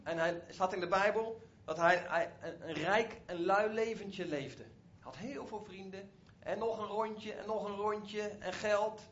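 A man with a high voice retells a Bible story in a relaxed, conversational way, often turning to his listeners directly. The recording is a bit dull, with a faint hiss behind him. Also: a little slow, hardly any pauses. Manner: conversational, with frequent asides to listeners.

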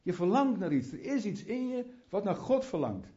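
A man's voice: high voice, big pitch swings, normal speed, dark tone. A man preaching a sermon in a fervent, conversational way, with chatty asides and restarts, often rising into heartfelt prayer. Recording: muffled lo-fi sound.

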